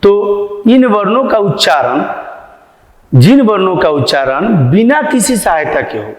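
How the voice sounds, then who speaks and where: A male teacher gives a grammar lesson to children, slowly explaining and asking and answering his own questions. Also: high voice, sing-song. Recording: echoey room with long reverb.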